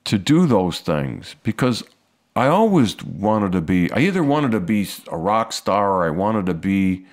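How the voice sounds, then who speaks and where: A man from the United States, a guest musician talking casually in an interview, relaxed and a little hesitant. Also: on the low side, measured pace. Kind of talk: casual conversation.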